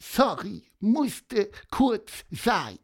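A woman's voice: mid-range voice, big pitch swings, very slow, heavily acted. A woman voicing a sick, curious young male bird with a stuffy nose in a children's story, asking skeptical questions. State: stuffy-nosed, sneezing.

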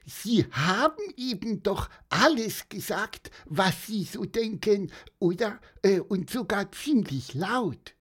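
A woman's voice: medium pitch, lively intonation, slow, few pauses, breathy edge. A woman voicing a small, curious creature who asks hesitant questions in a children's audio story.

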